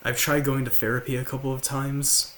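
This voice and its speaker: A man's voice: mid-range voice, flat delivery, fairly bright tone, slight background noise. Subdued young man with a slight lisp. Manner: halting, with many fillers and restarts. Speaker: vlogger. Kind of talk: confessional talk to camera. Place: large house, indoors.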